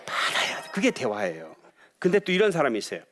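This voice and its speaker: A man who is a pastor gives a lively lecture on marriage and conversation, often putting questions to his audience. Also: fairly high pitch, quick pace.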